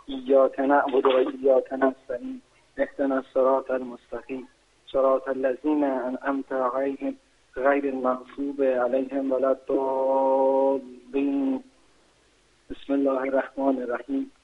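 A man's voice: medium pitch, completely flat delivery, a little hiss or hum. A man calling into a radio show, reciting carefully and answering the host with eager politeness. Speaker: caller. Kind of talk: recitation and polite phone chat. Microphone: telephone. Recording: phone line call into radio.

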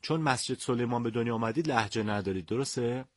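Male radio host, mid pitch, dry studio, courteous and full of praise for his guest. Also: no echo. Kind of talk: radio interview.

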